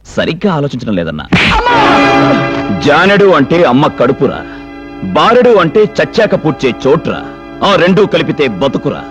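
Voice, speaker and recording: A stern, righteous village strongman from a film drama. He lectures in a commanding way, his fairly high voice swinging widely in pitch. Faint music plays behind him. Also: sing-song, moderate pace, long pauses, dull audio. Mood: lecturing. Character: stern righteous male village elder-brother figure. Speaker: village strongman settling disputes. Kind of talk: dubbed Telugu film drama dialogue.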